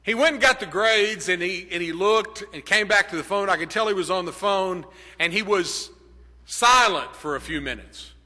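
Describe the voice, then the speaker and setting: A man's voice: high voice, moderate pace, sharp tone. A middle-aged man preaching a sermon, telling a personal story and building to emphatic declarations. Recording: long hall reverb.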